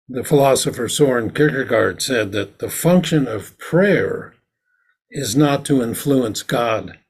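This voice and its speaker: A man's voice: mid-range voice, slightly rough. A man, a Zen teacher, giving a dharma talk in a meditation hall, explaining ritual plainly and then acting out its lines.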